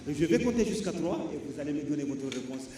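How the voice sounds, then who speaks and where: A man's voice: fairly high pitch, expressive, fast, warm tone. A man doing punchy stand-up comedy on a live stage, telling stories animatedly and repeating phrases for emphasis. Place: live stage before an audience. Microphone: stage microphone. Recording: echoey hall, distant mic, audience noise.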